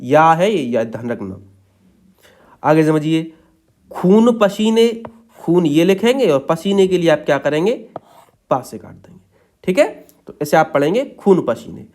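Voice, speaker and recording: Male shorthand tutor, high voice, patient, walks through each word step by step. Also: big pitch swings, unhurried, pauses often, darkish tone. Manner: patient, repeats "ठीक है" after each point. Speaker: shorthand teacher.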